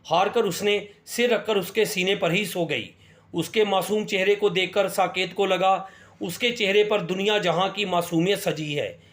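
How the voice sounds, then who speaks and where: A man narrating a dramatic story in the first person, in a steady storytelling manner. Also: high-pitched, moderate pace, reverberant.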